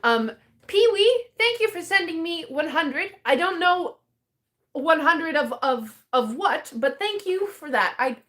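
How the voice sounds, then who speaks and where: A woman's voice: extremely high pitch, very animated, a little slow, fairly bright tone. A woman chatting casually on a live stream as she opens fan mail, rambling and hesitant with many restarts and small laughs.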